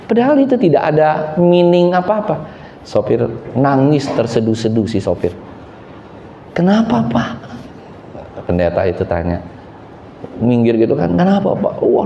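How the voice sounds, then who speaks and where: Male pastor, middle-aged, sermon storytelling, mellow voice, echoey church hall, slightly dull sound. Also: creaky, a little hiss or hum. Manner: animated storytelling, voices quotes higher; addresses congregation directly.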